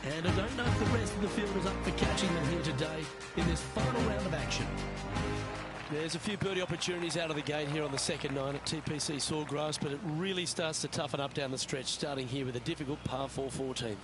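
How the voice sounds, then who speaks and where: A man's voice: on the high side, fast talker, natural voice. A man working as a lead golf commentator, anchoring game broadcast coverage in a composed, appreciative way. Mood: composed, engaged. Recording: loud music and crowd noise behind.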